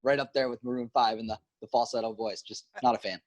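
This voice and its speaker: Relaxed middle-aged interview guest, mid-pitched, quick delivery. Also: male voice. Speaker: guest, teacher and guitarist. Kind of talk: casual interview chat.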